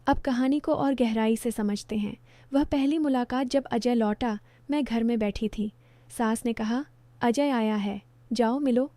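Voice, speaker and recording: Woman reading a story in first person, calm and reflective, kinda high but soft, very dry sound. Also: measured pace, no echo.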